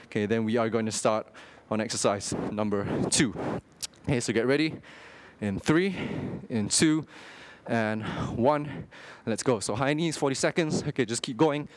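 A young man instructing a workout, energetic, talking in short clipped cues and counts with frequent okays while exercising. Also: mid-range voice, normal speed. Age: young adult. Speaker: fitness instructor.

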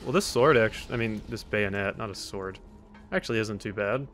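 This let's play host has a lowish, fairly bright voice and a brisk pace. He teases the characters with dry, casual humor and reads the game's text aloud as it appears, while game sounds murmur faintly behind him.

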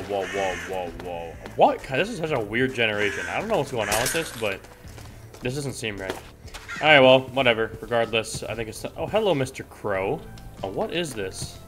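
A man giving casual, excitable gameplay commentary, exclaiming and swearing at what he comes across. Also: on the low side. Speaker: gamer.

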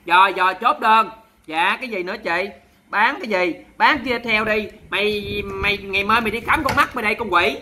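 A man with a Southern Vietnamese accent hosts a charity livestream at a rapid clip. His voice is very bright and sharp, and he talks in a sassy, theatrical way, scolding his viewers in jest. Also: high voice. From Mekong Delta, Vietnam. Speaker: livestream host.

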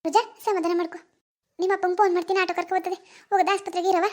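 A woman's voice: very high voice, flat delivery, rapid-fire, darkish tone. A woman doing a fussing village mother. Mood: anxious soothing. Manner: soothing, fussing, chatty. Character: anxious middle-aged village mother. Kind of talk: cartoon voice acting.

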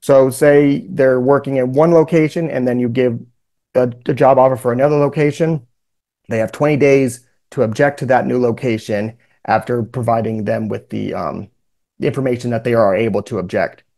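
A man's voice: medium pitch, steady tone, normal speed, creaky, dark tone. A man giving an explanatory webinar lecture on legal rules, mixing formal reading with informal asides, recorded indoors over a video call. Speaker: presenter, workers' compensation lawyer.

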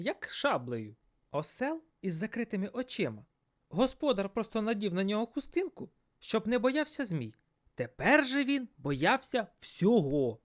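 A woman reading a children's fairy tale aloud with playful expression. Her pitch rises and falls in a lively way, and her voice sits in the middle. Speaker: storyteller.

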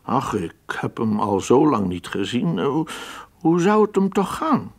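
A man's voice: medium pitch, big pitch swings, unhurried, slightly rough, voice pushed up, heavily acted. A man voicing a chatty, fond male water rat in a storybook reading, talking in an exclaiming way. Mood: wistful.

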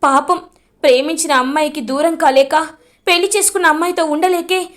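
A sly young daughter-in-law coaxes and pleads in a high voice, as a woman reads her lines. She sounds sweetly persuasive. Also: fairly even intonation, brisk, natural voice. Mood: coaxing.

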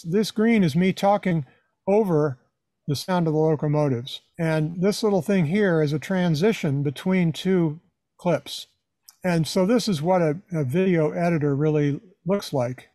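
Conversational and warm, a slightly high-voiced older man presents an informal live tutorial as a hobbyist teaching video editing. The recording sounds dry.

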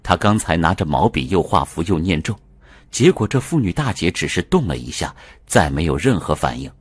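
Low, husky male audiobook narrator. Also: fairly quick, no room sound. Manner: expressive, storytelling. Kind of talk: first-person storybook narration.

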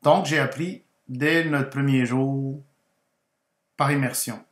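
Born in Guatemala and moved to Quebec, Canada at ten, a Spanish-speaking language teacher who hosts a channel tells a personal story as slow, educational narration, setting out each phrase deliberately. His medium-pitched voice is a bit bright with fairly even intonation, and the roomy recording has clear echo.

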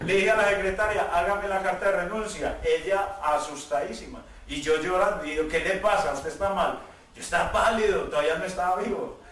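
A man's voice: sits high, a little fast, hardly any pauses, fairly bright tone. Paisa Colombian man, echoey and distant. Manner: emphatic, acts out dialogues in quoted voices. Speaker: speaker giving a conversion testimony. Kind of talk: spoken testimony. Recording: echoey, from far off the mic.

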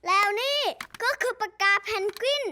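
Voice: moderate pace, pushed and bright, a little hiss or hum. A performer voicing a curious, eager little boy bunny in a preschool cartoon, with childlike exclamations. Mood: fond. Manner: childlike, full of small exclamations.

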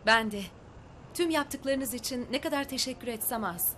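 A woman's voice: fairly high pitch, moderate pace, slight background noise, close to an everyday voice. A young actress playing an earnest, outspoken young woman in a TV drama. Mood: apologetic, grateful. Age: young adult. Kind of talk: TV drama acting. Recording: loud music behind the dialogue.

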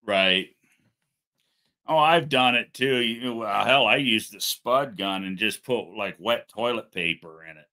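A man's voice: fairly low pitch, a little slow, pushed and bright. A man hosting a casual live chat, talking loosely and swearing, with frequent "you know" and chat readings. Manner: profane, laughing, lots of "you know". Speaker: host of a car show live stream, reading chat.

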